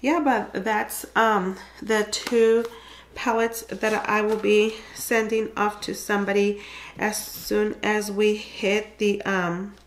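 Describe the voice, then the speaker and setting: A woman's voice: medium pitch, little pitch movement, takes it slowly, reverberant, slight background noise. A woman beauty vlogger chatting casually to camera, with a stuffy, congested voice and lots of fillers. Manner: chatty, many fillers and likes.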